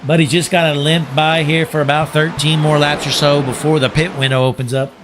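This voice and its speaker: A man's voice: fairly high pitch, level tone, a little fast, noisy background. A young man giving folksy play-by-play commentary on a sim race, joking and calling to "folks", while losing his voice.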